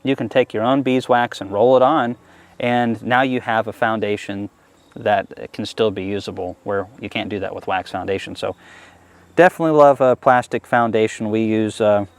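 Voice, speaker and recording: A man's voice: lowish voice, steady tone, moderate pace. A man being interviewed as a beekeeper, chatting easily and enthusiastically while he works a hive outdoors. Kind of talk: casual interview answers while working a hive. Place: outdoors at a beehive.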